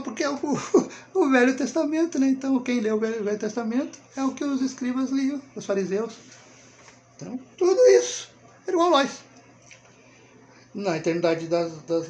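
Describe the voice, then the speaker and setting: A man with a Brazilian Portuguese accent teaching the Bible in a relaxed, conversational way, often checking in with his listeners and chuckling as he talks. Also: high voice, slight background noise. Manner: chatty, with rhetorical check-ins and frequent chuckles. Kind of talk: informal conversational Bible talk.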